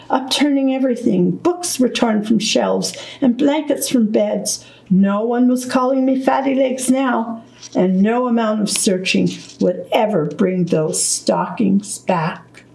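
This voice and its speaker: A woman reading a children's book aloud at storytime, slow, deliberate and gentle. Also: mid-range voice, vocal fry, reverberant, rough recording. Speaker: storytime reader.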